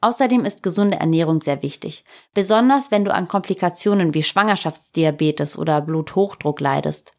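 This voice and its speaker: Calm, slightly low-voiced woman narrator. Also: moderate pace, few pauses. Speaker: podcast host. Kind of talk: scripted narration.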